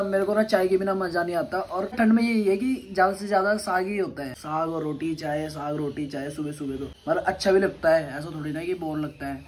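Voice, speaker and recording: A young man chatting casually in a home vlog, lively and laughing often. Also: a little high, slight background noise. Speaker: vlogger. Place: home rooftop, outdoors. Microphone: phone held by hand.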